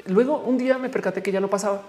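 A woman's voice: mid-range voice, racing, a little mellow, faint music behind. Chatty Mexican woman reading comments. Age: 40s. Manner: chatty, reads comments aloud, laughs often. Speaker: streamer answering chat. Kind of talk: casual live chat.

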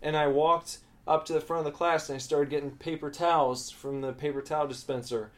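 A man's voice: fairly high pitch, fairly even intonation, a little fast, fairly bright tone. Profane rambling man telling stories. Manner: rambling, profane, heated when recounting conflict. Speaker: podcast co-host. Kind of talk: casual storytelling chat.

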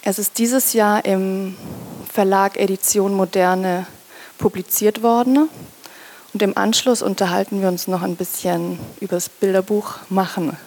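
A woman moderating a book reading in a museum, introducing the two authors in a friendly, slightly halting way. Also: mid-range voice, fairly even intonation, a little mellow, a little hiss or hum. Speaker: event moderator. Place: museum event space.

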